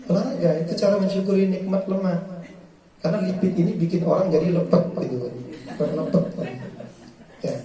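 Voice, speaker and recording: A man preaching at a mosque gathering, joking with the audience and reciting verses in between. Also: on the high side. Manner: lively, joking, quotes Quranic verses. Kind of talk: religious study talk. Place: mosque hall. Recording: echoey hall from far off.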